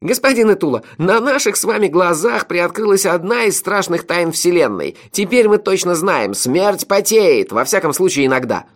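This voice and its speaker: Brief: male reader doing a playful, high-voiced wisecracking friend, audiobook. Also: very animated, moderate pace, vocal fry, hardly any pauses, fairly bright tone, heavily acted. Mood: teasing. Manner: teasing, showy, exaggerated. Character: mocking, theatrical young male friend. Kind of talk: audiobook character voice.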